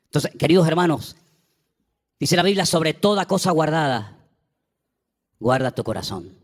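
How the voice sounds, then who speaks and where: Animated preacher in a reverberant church. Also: male voice, a little high, moderate pace. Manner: animated preaching, acting out biblical voices, asides to congregation. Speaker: pastor. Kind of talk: sermon. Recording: long reverb of a church hall.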